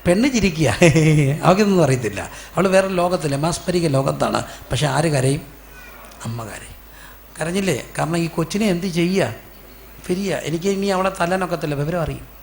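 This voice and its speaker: A male pastor from giving a sermon. He asks the congregation questions and answers them himself, and acts out quoted voices in sudden loud bursts. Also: fairly high pitch, lively intonation, normal speed, vocal fry, a little hiss or hum.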